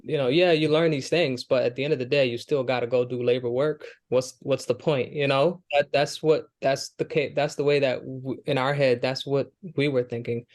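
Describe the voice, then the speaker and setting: Answering questions as an interview guest, a young Air Force airman from Kenya, whose family is Somali, speaks earnestly and conversationally with many fillers and restarts. His voice is mid-range and darkish, with fairly even intonation, normal speed and few pauses.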